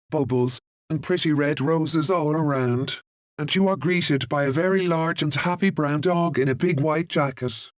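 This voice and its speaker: A man reads a scripted story aloud, addressing the listener directly. His voice sits a little high and is recorded close and dry. He keeps a steady, even pace. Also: dry recording. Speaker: narrator. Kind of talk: scripted second-person story narration.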